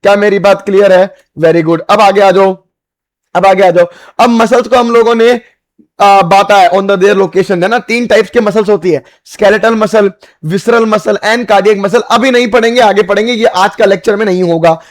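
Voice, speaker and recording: Indian guy teaching bio, pretty high voice, keeps asking "got it?" and repeating stuff. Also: fairly even intonation, moderate pace. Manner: repetitive, asks students if they understood; calls students "beta" and "bhai". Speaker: biology teacher. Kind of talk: exam-prep lecture.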